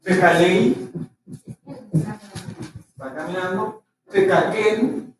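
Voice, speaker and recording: A Chilean man with a voice that sits high teaches a language class extremely slowly over music, explaining patiently and checking understanding with frequent "¿cierto?". The recording is echoey and distant from the mic, with faint noise.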